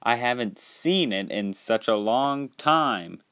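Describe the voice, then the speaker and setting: A man's voice: medium pitch, expressive, slow pace, fairly bright tone, clear, resonant tone. A man voicing a haughty, disdainful visitor in a homemade storybook tale about trains. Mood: sniffy. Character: snooty, sneering man visiting the docks.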